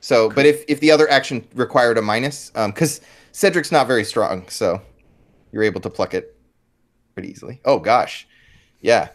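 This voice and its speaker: A man's voice: mid-range voice, normal speed. Chatty man running a tabletop game. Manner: chatty, full of fillers and restarts. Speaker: game master.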